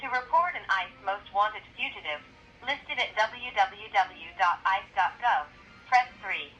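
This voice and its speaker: A woman reading a formal automated phone menu announcement in a measured, clearly enunciated voice over a telephone line. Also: medium pitch, lively intonation, bright, forceful tone. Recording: phone hold-line recording with some noise.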